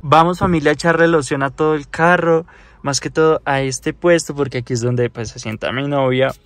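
Excitable young man vlogging in a car. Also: on the high side, a little fast, no echo. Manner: excitable, nervous, talks straight to camera. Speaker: prank vlogger. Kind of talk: casual prank vlog. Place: inside a parked car. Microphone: phone camera at arm's length.

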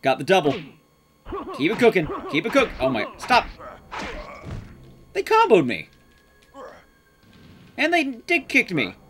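This man's high voice swoops wildly in pitch, a bit bright, unhurried and broken by long pauses. Playing a speedrun on stream at home, he reacts with playful, foul-mouthed commentary over clear background noise and clicking.

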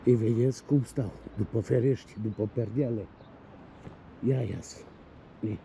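Gravelly-voiced man vlogging. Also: medium pitch, mellow, reverberant, slight background noise. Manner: rambling, colloquial, addresses viewers directly. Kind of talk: casual vlog talk to viewers.

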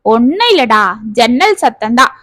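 Woman reading as a headstrong young mom, high voice, dry close sound, proud and quick to push back. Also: sing-song, fairly bright tone, no echo. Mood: anxious. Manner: defiant, anxious. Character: young mother, proud and stubborn.

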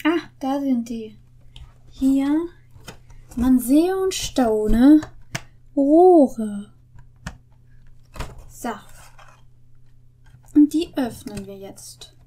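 Speaking extremely slowly with long pauses, this young video host opens an advent calendar and works through puzzles in a playful, casual, think-aloud way. Her high, mellow voice has lively intonation. She is recorded close on a desk mic with a pop filter in a home studio with a green screen.

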